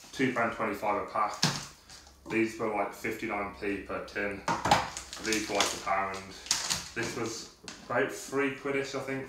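A young man chatting casually through a video diary in his small home kitchen, rambling with lots of fillers, picked up by a camera across the room. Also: lowish voice. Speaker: fitness vlogger. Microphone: camera mic from across the room. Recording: echoey kitchen, camera far off, noisy.

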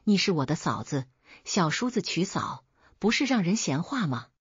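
A woman's voice: lowish voice, very animated, moderate pace, slightly rough, no echo, muffled recording, full character voice. A woman voicing a kind-hearted young village man who stammers and turns shy with his sister-in-law, in a storybook reading. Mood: flustered.

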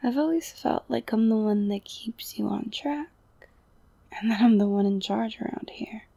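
A young woman whispering an intimate ASMR roleplay, slow and soothing, softly domineering and coaxing. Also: a little high, gravelly, dry recording. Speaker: audio roleplay performer.

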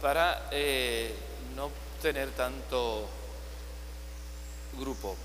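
A man's voice: medium pitch, extremely slow. A man serving as priest, leading a baptism rite in a large church and coaxing the parents and godparents through their answers in an instructive way. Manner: instructive, gently coaxing the congregation. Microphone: far phone camera in the congregation. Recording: echoey church from a distance, faint hum.

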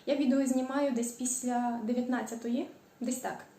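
A woman's voice: sits high, fairly even intonation, normal speed, mellow. Woman who drags out word endings, echoey kitchen. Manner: frequent hesitant fillers. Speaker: cooking vlogger. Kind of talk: casual home cooking vlog. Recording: echoey room.

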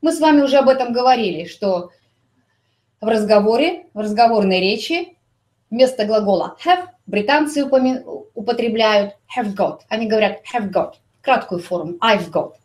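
A woman teaching an English grammar lesson, explaining slowly and repeating English example sentences. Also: on the high side, expressive, darkish tone.

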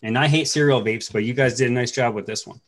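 A middle-aged man hosts a relaxed chat over a video call, his husky voice laid-back and blunt. He swears casually and talks at an ordinary pitch. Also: quick pace. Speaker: host. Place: home room.

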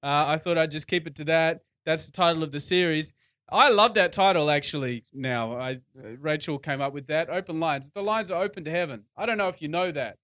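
Male pastor, high voice, casual preaching style that repeats phrases to drive points home. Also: a little fast, fairly bright tone. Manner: conversational, repeats phrases for emphasis. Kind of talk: sermon. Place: church.

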